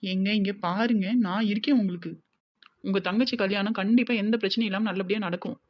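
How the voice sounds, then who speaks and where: A voice actor playing a devoted young village woman with a Tirunelveli accent, who talks in a gentle, comforting but insistent way in a cartoon. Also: medium pitch, fairly even intonation, fast talker, no echo, lo-fi sound, close to an everyday voice. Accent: Tirunelveli Tamil.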